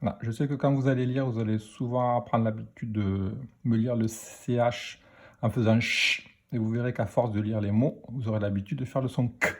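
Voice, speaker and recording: A man teaching a phonics lesson to children, speaking slowly and deliberately as he spells out letters and sounds. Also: mid-range voice, fairly even intonation, warm tone.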